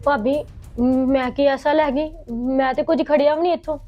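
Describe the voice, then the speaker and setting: A grieving daughter, tearful and pleading, played by a woman with a bright, high voice. The recording sounds slightly dull. She speaks in the measured way of a family drama. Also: steady tone, close to an everyday voice. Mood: hurt. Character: grieving married daughter who has lost her mother. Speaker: lead character Simrat. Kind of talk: Punjabi family drama acting.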